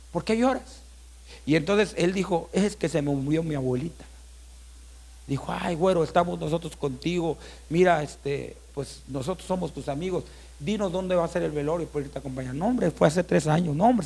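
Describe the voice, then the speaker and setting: A man's voice: sits high, vocal fry. A male pastor preaching a sermon, repeating his points emphatically and addressing his listeners as brother.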